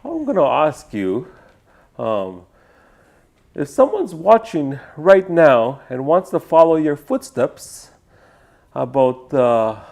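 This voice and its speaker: A woman's voice: rumbling low, darkish tone, full character voice. A woman voicing a proud owl, with a hooting, slightly scratchy tone. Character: proud hooting owl, high-voiced and showy.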